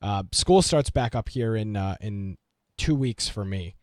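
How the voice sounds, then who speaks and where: A man's voice: fairly low pitch, animated, unhurried, a little mellow, no echo, studio quality. A young man who is a college student, co-hosting a podcast in casual chat with a chatty, upbeat delivery and some hesitation. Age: young adult. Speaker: podcast co-host.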